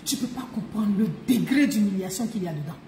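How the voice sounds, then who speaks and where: A woman's voice: medium pitch, expressive, quick pace, slight background noise. A woman streaming live, giving relationship advice emphatically, laughing often and repeating her key phrases. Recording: echoey room.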